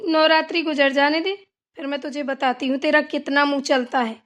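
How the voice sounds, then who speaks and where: A woman's voice: sits high, little pitch movement, brisk, a bit bright. A woman voicing a bossy, irritable mother-in-law in a Hindi cartoon, scolding her daughter-in-law. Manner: scolding, bossy, repeats "theek hai na". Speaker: voice actor.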